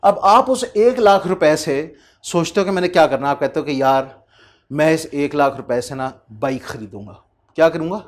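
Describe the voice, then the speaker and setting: Conversational man lecturing, slightly high voice. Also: expressive. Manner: conversational, asks rhetorical questions, reads English passages slowly. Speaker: accountancy lecturer. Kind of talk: classroom lecture.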